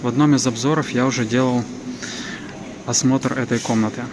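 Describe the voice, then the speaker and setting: A man's voice: medium pitch, steady tone, brisk. A man giving a casual trip-report narration as a travel vlogger walking through an airport terminal. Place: large indoor airport terminal. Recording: noisy airport terminal ambience.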